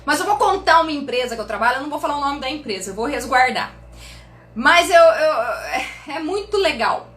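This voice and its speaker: High, bright Brazilian woman urging listeners on. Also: big pitch swings, a little fast. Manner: emphatic, urging, repeats commands, blunt and joking. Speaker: psychologist and business consultant. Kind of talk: motivational live stream talk. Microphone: phone mic. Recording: roomy live stream audio.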